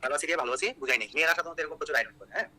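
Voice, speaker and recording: Young guy teaching an exam prep class, talks super fast, really bright tense voice, keeps cracking jokes. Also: on the high side, low-quality recording. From Bangladesh. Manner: rapid, joking, repeats key points with "ঠিক আছে?".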